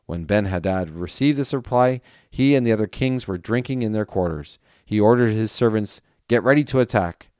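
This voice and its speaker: A man reading scripture aloud at a steady, measured pace. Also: on the low side, dry recording, studio quality. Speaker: scripture reader.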